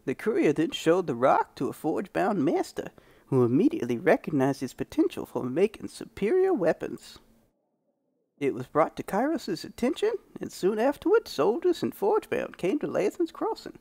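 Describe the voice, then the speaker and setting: A man voicing a grizzled old male prospector who leads a frontier town, with a slow, drawling storyteller manner. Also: high-pitched, huge pitch swings, vocal fry, darkish tone, no echo, voice pushed up, exaggerated voice. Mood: grim.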